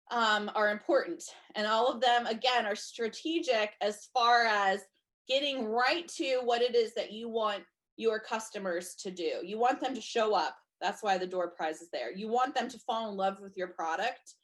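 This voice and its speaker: A woman with a somewhat high voice, giving chatty instructional talk to a group of sellers. Her voice is a little hoarse, as if she is losing it. She keeps checking in with her listeners as she explains each step. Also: fairly bright tone. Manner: chatty, checks in with "okay?" and "you guys". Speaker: direct sales trainer.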